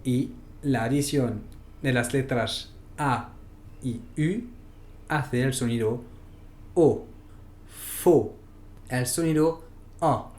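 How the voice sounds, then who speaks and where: A man's voice: mid-range voice, slow pace, pauses often, darkish tone. A man with a French accent teaching a pronunciation lesson, spelling out letters one at a time and modeling each sound. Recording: roomy echo.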